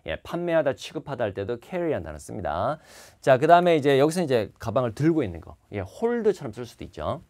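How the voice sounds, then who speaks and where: Animated male English teacher. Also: mid-range voice, a little fast, few pauses. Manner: animated, repeats and stresses key words. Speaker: TOEIC instructor. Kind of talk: lecture to camera. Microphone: facing the camera.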